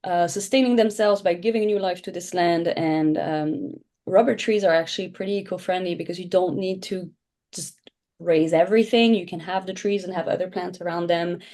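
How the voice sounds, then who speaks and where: A woman with a somewhat low voice who grew up in Belgium talks as a guest on a casual podcast. She explains her product in a chatty way, often restarting her sentences. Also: moderate pace, dark tone. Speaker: brand founder, guest.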